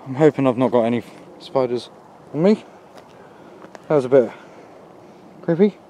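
A man's voice: medium pitch, normal speed, warm tone, slight background noise. A man in his twenties hosting a casual night exploring vlog, talking uneasily to his viewers on a handheld camera outdoors. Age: 20s. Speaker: vlog host. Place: outdoors in woods and open field at night. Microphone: camera mic, handheld.

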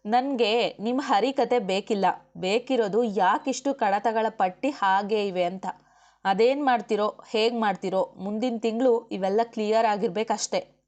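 ಮಹಿಳೆ ನಟಿಸುವ ಕೋಪಿಷ್ಠ ಅಧಿಕಾರಿ ಗಂಡ. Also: female voice, medium pitch, darkish tone, lightly acted. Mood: scolding. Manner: commanding, scolding. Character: stern male officer and husband, quick-tempered. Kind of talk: audiobook character voice.

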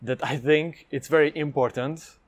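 Speaking energetically and talking with his hands, a young adult Hungarian man with a matching accent addresses the camera in a cheerful vlog on learning a language. His voice is fairly high at a normal pace, and the recording has no echo. A lapel mic captures him in a medium shot, indoors before a plain light wall.

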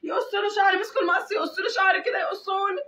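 A woman's voice: very high-pitched, rapid-fire, sharp tone. A young woman with an Egyptian accent recounting an assault in distress, crying and pleading, swearing oaths as she speaks. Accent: Egyptian Arabic. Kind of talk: tearful testimony. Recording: echoey, muffled sound.

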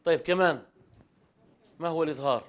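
A man teaching a Quran recitation class, asking the students quick questions in a conversational way. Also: on the high side, heavy background noise.

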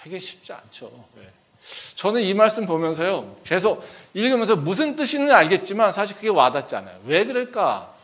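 A man preaching a sermon as pastor, talking in a conversational way and acting out dialogue, swinging between loud pleas and quiet asides, often dropping in a short filler. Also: high voice, big pitch swings, brisk. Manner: frequent filler "ye".

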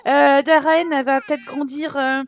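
Chatty high-voiced woman playing a game. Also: flat delivery, moderate pace. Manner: chatty, bossing her game characters around, laughing often. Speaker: gaming YouTuber. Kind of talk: casual let's-play commentary.

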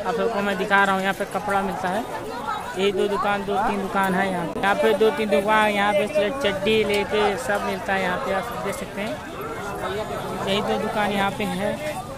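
Narrating a walking vlog, this young man bargains with vendors and talks to his viewers while holding his phone camera in a crowded village market. He speaks at a moderate pace in a high, monotone voice, with market chatter all around.

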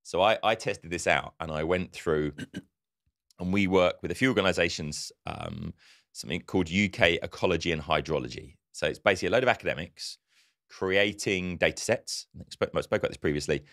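A man co-hosts a marketing podcast in an easy, conversational way. His voice sits very low and deep, and he livens his stories by acting out the quotes. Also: a little fast. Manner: animated storyteller, acts out quotes. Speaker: podcast co-host. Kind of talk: casual conversational podcast chat.

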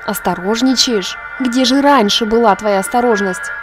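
A woman's voice: a little high, moderate pace, music in the background, lightly acted. A woman playing an emotional, reproachful spaceship crew member in a dramatic sci-fi audio drama.

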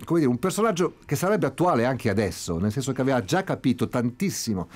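A man's voice: medium pitch, sing-song, quick pace. A man in his fifties hosting a casual radio chat in a studio. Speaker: radio host. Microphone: studio mic, headphones.

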